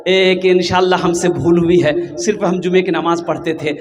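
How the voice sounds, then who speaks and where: A man preaching an Islamic sermon at a mosque gathering, impassioned and rising to shouts, calling on the crowd to answer him. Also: sits high, steady tone, moderate pace.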